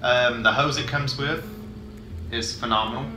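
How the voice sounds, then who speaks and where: A man's voice: mid-range voice, fairly even intonation, normal speed. A man chatting casually as he co-reviews a product. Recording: distant mic, roomy echo, music behind. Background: music.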